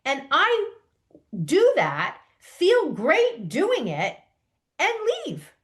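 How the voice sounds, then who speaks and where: A woman's voice: sits high, huge pitch swings, extremely slow, fairly bright tone. A middle-aged woman hosting a solo podcast, coaching yoga teachers in an earnest, emphatic way with many rhetorical questions to the listener.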